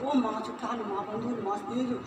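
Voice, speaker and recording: A man's voice: very high voice, fairly even intonation, fast talker. A pastor preaches to his congregation, pressing them with rhetorical questions and repeated phrases. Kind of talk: Telugu church sermon. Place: church hall with congregation. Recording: roomy, distant, noisy church recording.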